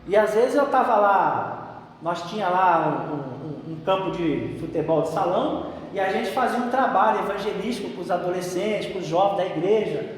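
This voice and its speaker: Pastor preaching in an echoey hall. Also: male voice, sits high, animated, normal speed, slight background noise. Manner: conversational preaching with frequent "né" tags. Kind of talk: sermon.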